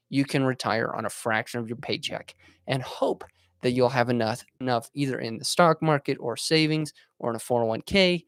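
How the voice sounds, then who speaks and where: A solo podcast host in his twenties speaks earnestly and motivationally to listeners in a casual monologue, often pausing on fillers and restarting. His middle-pitched voice is creaky yet clear and resonant. The recording is dry and close, lacking any room sound.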